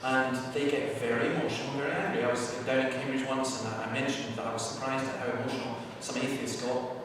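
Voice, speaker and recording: Man speaker at a seminar Q&A, animated storyteller, captured from far off in a booming hall with background noise. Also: quick pace. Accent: Scottish. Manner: animated storyteller, acts out shouting quotes. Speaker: speaker answering questions at a church seminar. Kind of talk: lively anecdotal Q&A talk. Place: large echoey hall. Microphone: far camera microphone. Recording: echoey hall from far off, noisy.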